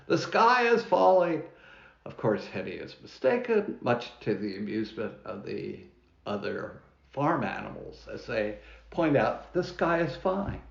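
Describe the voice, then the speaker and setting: Man, New Zealand accent, minister preaching, gravelly, echoey church, muffled recording. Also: mid-range voice, darkish tone. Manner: measured, storytelling delivery with dramatic pauses. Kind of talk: sermon. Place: church hall. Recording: roomy, dull church recording.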